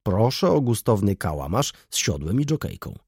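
Guy doing a scatterbrained baron, fussy and fawning, kinda husky. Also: lowish voice, very animated, normal speed, darkish tone, no room sound, clean studio sound, full character voice. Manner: fawning, rambling, eager. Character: fussy absent-minded aristocratic baron.

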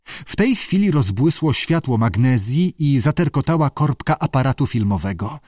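This is scripted narration of a novel, read by a male audiobook narrator whose mid-range voice stays measured yet expressive. The studio-quality recording has no room sound.

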